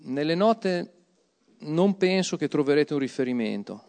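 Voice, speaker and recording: A man preaching and leading prayer in church, slow and prayerful, rising to loud fervent exclamations. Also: on the high side, lively intonation. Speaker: pastor. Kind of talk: sermon.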